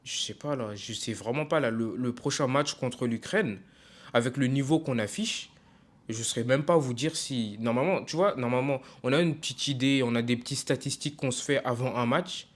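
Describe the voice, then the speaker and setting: A young man from France ranting casually in a video, frustrated and emphatic, halting often with fillers and restarts. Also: mid-range voice. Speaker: football vlogger.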